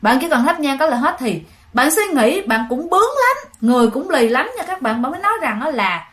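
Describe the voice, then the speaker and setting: A woman's voice: high voice, very animated, a little fast, a bit bright. A woman telling a ghost story in a chatty way, speaking directly to her listeners. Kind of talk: casual storytelling.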